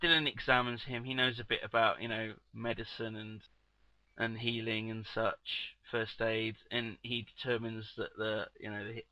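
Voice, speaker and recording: A man as game master, narrating a tabletop game with sweary, amused, excitable banter. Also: on the low side, moderate pace, dry recording, rough recording.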